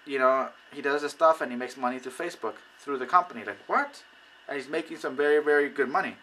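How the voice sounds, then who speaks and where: A man giving casual how-to advice on recruiting people, animated and acting out conversations. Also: medium pitch, fast talker, a little hiss or hum, low-quality recording. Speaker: network marketing recruiter. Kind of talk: casual how-to video talk.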